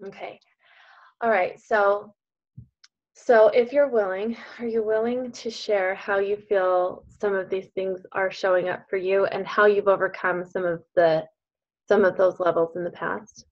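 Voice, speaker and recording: An earnest woman coach talks her online group through their beliefs, emphatic and encouraging at a medium pitch. Her voice comes over a video call with dull, lo-fi sound. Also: little pitch movement, unhurried. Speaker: coach leading a group class.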